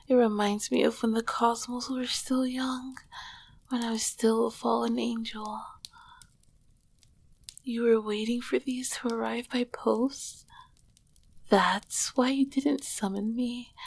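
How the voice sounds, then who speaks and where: This woman's exaggerated, fairly high, darkish voice, recorded dry, brings an ancient succubus queen, lonely and affectionate, to life for intimate ASMR roleplay. She speaks breathily with doting, eloquent phrasing, often sliding into a whisper.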